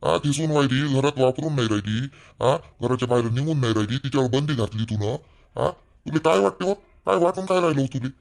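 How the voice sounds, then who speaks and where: A man voicing an older village father-in-law, who scolds loudly and then soothes. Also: medium pitch, expressive, fast talker, creaky. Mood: scolding.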